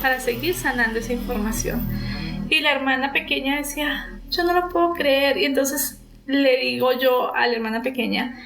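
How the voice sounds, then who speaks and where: High-voiced woman therapist telling a story. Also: rough recording. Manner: retells dialogue with many fillers and restarts. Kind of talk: storytelling about a therapy case.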